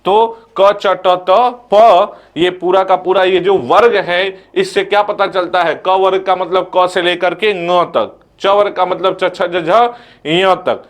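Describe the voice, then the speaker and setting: A man's voice: sits high, fairly even intonation, slow. A young man teaching an exam coaching lecture, who asks questions and answers them himself and recites letters one by one.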